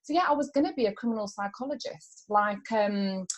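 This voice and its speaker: A business coach in her forties who grew up in South Africa chats casually as a podcast guest in an interview. She speaks in a mid-range voice, open and emotional, laughing readily.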